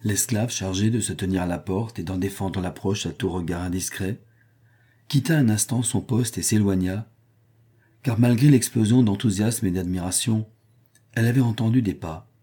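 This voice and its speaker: Man reading a novel aloud, low mellow voice, steady. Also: moderate pace, slightly rough. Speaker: audiobook reader. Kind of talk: scripted narration of a novel.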